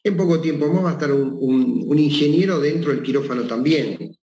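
A surgeon gives a medical talk in a brisk, fairly high voice with a dark tone, often ending his points with a short questioning tag. The roomy space makes the recording echoey, with faint noise.

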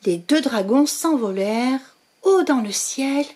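Woman storyteller, slow read-aloud, voice that rises and falls a great deal. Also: fairly high pitch, sing-song. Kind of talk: children's storybook reading.

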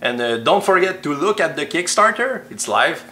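A man's voice: on the high side, very animated, moderate pace, sharp tone, echoey room. A man with a French accent, a game designer non-native in English, talking through a solo board game with many hesitant fillers as he counts cards aloud.

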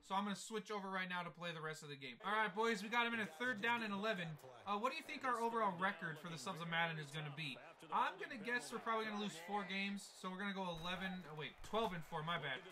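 A young man commentating his own football video game, excitable and yelling at big plays. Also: high voice. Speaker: gaming YouTuber. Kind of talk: gameplay commentary.

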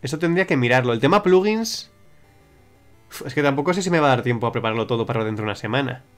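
A man's voice: medium pitch, expressive, fast talker, soft background music. Chatty young man streaming. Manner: chatty, rambling, with frequent restarts and swearing. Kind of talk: casual livestream chat reading viewer suggestions.

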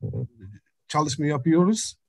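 Middle-aged man, Uzbek accent, broken foreigner's Turkish, higher-pitched voice, academic online talk, halting delivery. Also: darkish tone, no room sound. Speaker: professor presenting research. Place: indoor room, video call. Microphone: computer microphone on video call.

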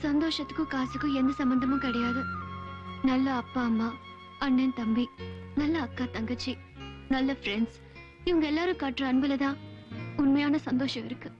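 An actress plays a young woman raised in wealth, defiant toward her drunk father and quietly sad. Her voice is high, and clear music plays beneath the scene. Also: moderate pace, long pauses, muffled recording, close to an everyday voice. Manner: earnest, pleading with her father. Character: rich man's young daughter, defiant, sad. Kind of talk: film dialogue.

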